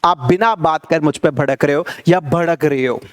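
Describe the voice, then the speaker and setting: Male English teacher, high and clear voice, slow drilled repetitions. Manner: drills phrases slowly, repeating them for learners to echo; quick conversational explanations between drills. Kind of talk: spoken English lesson.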